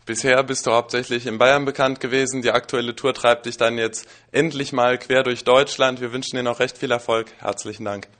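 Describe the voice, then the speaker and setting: A man interviewing a comedian, asking questions in a relaxed, informal way with some fillers. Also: mid-range voice, a little fast, few pauses.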